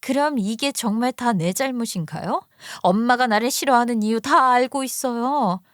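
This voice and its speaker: A defiant young woman lashes out at her mother, bitter and accusing, as a woman reader plays her. Her voice sits high and a little hushed. The read is dry and close, like an audio storybook. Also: moderate pace, no room sound, lightly acted.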